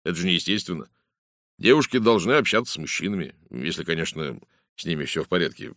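A man voicing a brisk, blunt middle-aged police inspector in an audiobook, talkative and matter-of-fact. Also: low voice, lively intonation, a bit bright, no echo, clean studio sound. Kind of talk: audiobook character voice.

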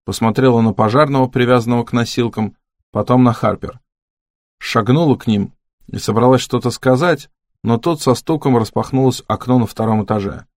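A man reading an audiobook in a measured, steady narrating voice. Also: mid-range voice, no echo, studio quality. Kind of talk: scripted narration.

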